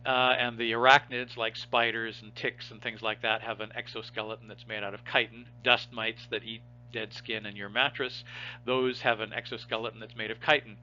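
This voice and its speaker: A man's voice: mid-range voice, flat delivery, moderate pace, bright, forceful tone, muffled recording, slight background noise. A man teaching a biology class, explaining step by step and asking his students rhetorical questions as he goes. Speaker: biology instructor. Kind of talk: recorded lecture.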